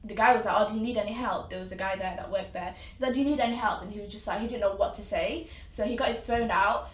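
A woman, co-hosting a podcast and retelling a story in an animated way with quoted voices. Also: medium pitch, quick pace, recorded from a distance. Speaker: podcast co-host. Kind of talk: casual chat, storytelling. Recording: echoey room.

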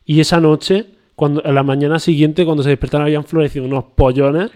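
A man's voice: a little high, steady tone, quick pace, mellow. A man hosting a casual chat podcast, joking and spinning absurd stories in a mock-serious tone. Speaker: podcast host.

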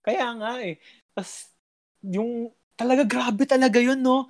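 A man's voice: very high-pitched, fairly even intonation, slow. Young man, casual co-host: loose, rambling storyteller full of fillers. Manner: rambling storyteller with many fillers and mild swearing. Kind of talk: casual chat.

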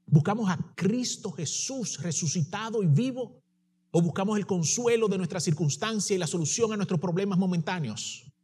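Husky-voiced impassioned male preacher. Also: sits high, lively intonation, normal speed. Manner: impassioned preaching that drops to soft, tender delivery. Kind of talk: sermon.

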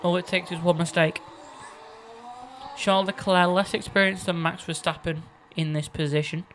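A man's voice: high-pitched, level tone, moderate pace, fairly bright tone, slight background noise. A man giving casual, amateur-style motorsport commentary as a co-commentator.

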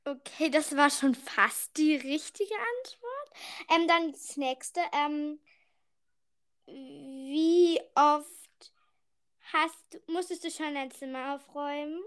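A woman's voice: sits high, takes it slowly, a bit bright. A woman in casual, playful chat, asking questions as a partner in a challenge.

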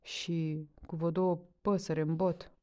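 A woman's voice: fairly low pitch, little pitch movement, dark tone, lightly acted. A woman reading a story aloud voices a breathless young man reporting a beast. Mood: alarmed. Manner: breathless, insistent. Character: young male villager, out of breath.

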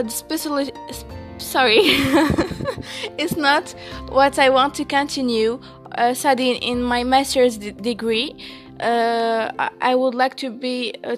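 A young woman from Morocco talks slowly in a relaxed podcast chat, her voice sitting fairly high. She laughs easily and fills her pauses with "uh" and "um". Soft music plays faintly behind her. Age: late teens. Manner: slow, giggly, many fillers and restarts. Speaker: podcast co-host. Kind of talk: casual chat.

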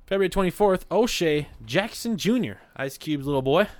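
A man hosting a casual podcast, his voice swinging up and down as he jokes his way through a list and breaks into loud laughs. His delivery is loose and playful, with quick asides. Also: high-pitched, animated. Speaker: podcast host.

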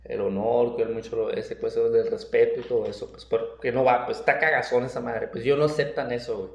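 A man's voice: mid-range voice, brisk, highs cut off. A young man with a Mexican accent, telling a story in casual, slangy chat and dropping "güey" constantly. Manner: slangy, lively storytelling full of "güey" fillers. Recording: roomy echo.

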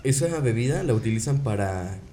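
A young man with a Mexican accent rambles through jokey anecdotes in a relaxed, casual chat. His voice sits at an ordinary pitch with a mellow, warm tone, and a faint low rumble hums underneath. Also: a little fast. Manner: joking, rambling storyteller. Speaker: co-host.

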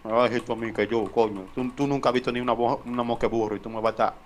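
A man's voice: medium pitch, fairly even intonation, racing, slight background noise. A man with a Dominican accent jumping into a casual podcast chat with slangy remarks.

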